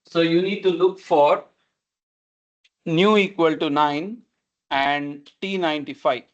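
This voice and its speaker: Male lecturer, slightly high voice, didactic question-and-explain delivery, dull lo-fi video call audio. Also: steady tone, takes it slowly. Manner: didactic, repeats and checks understanding. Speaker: lecturer teaching numerical methods. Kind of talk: explanatory online class, questioning students. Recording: dull, lo-fi online meeting audio.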